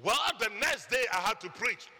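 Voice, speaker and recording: Animated Ghanaian preacher, bright and echoey. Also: male voice, high-pitched, normal speed. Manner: animated storytelling, acting out quoted voices. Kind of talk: sermon testimony. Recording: echoey hall reverb.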